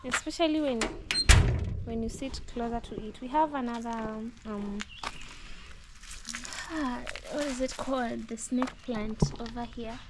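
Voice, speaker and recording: A woman's voice: fairly high pitch, a little slow, pauses often. A woman chatting casually as she walks through her garden, musing aloud and admiring the plants, recorded outdoors on a phone. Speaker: vlogger. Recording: outdoor noise, birdsong.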